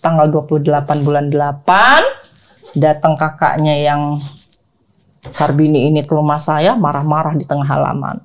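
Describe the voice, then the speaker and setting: A middle-aged woman telling her story in an interview, animated, acting out quoted dialogue. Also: sits low, moderate pace. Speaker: guest, wife of the accused.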